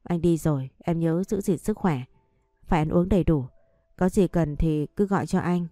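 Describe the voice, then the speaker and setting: A woman voicing a regretful young husband and father who gives gentle, pleading instructions to his family. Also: on the low side, normal speed, dry recording, soft background music, natural voice. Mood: tender.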